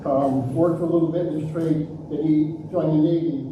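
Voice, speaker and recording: Man, slightly higher voice, halting award remarks, matter-of-fact, very echoey, distant. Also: fairly even intonation, highs cut off. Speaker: award presenter. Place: large echoey room at a live ceremony. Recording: echoey hall, distant mic, noisy.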